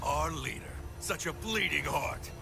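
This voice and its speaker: A man's voice: fairly high pitch, a little slow, vocal fry, over music. An actor, a man, playing a greedy, scheming pig mercenary in a video game cutscene, sneering and mocking. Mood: smug, mocking.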